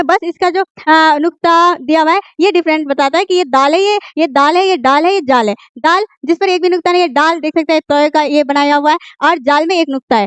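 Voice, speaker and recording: High-voiced woman teaching a patient lesson. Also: a bit bright, no echo. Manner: patient, repeats questions and answers them herself; frequent fillers and self-corrections. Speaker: Urdu teacher. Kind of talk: online language lesson.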